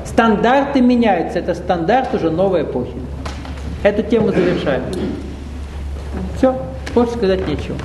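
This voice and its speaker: This high-pitched, expressive seminar leader speaks at normal speed but leaves long pauses as he lectures a live audience on spiritual topics. He poses rhetorical questions and drops wry asides, all amid background noise and a roomy hall's echo.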